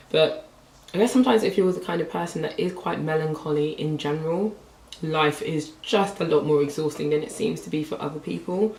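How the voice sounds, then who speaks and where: A young woman talks casually about books, slightly hoarse and filling her sentences with "like". She sits a little back from the mic, in a room with a noticeable echo. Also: low-pitched, darkish tone, distant mic, slight background noise. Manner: chatty, rambling, lots of "like" fillers. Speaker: book vlogger. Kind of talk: casual book review chat. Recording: roomy echo, voice a bit off-mic.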